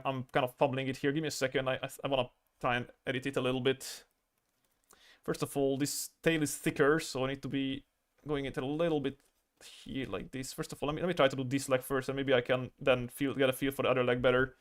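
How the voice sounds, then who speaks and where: A man livestreams himself drawing, chatting casually, rambling, stammering and swearing freely. His voice is mid-range, a bit bright and clean in tone.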